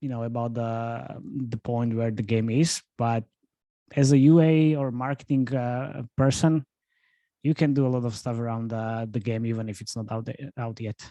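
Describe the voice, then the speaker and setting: A man in his thirties with a Slovak accent, a guest on a casual podcast interview, talking from a room at home with many pauses and easy laughter. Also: medium pitch, flat delivery, mellow, no room sound, highs cut off. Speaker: guest, user acquisition consultant. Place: home room used as office.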